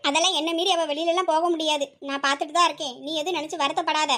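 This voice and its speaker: A woman voicing a stern, scheming middle-aged aunt with a sharp, scolding way of talking. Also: high-pitched, fairly even intonation, very fast. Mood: calm, wary. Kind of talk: hobby audio drama.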